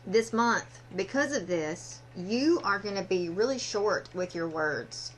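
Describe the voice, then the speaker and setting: A woman fortune teller giving a casual card reading, speaking haltingly and directly to the listener. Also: medium pitch, animated, a little hiss or hum. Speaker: fortune teller, tarot and oracle card reader.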